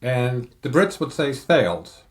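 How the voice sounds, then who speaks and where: An older man in a casual podcast chat, explaining audio equipment in a measured, technical way. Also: mid-range voice, over a noisy crowd. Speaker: audio reviewer guest.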